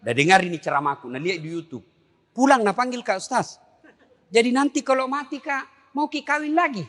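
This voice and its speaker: A middle-aged man with a South Sulawesi accent preaching a comic sermon, animated and joking, swinging between high and low registers. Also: a little fast. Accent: South Sulawesi (Makassar) Indonesian. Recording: long hall reverb.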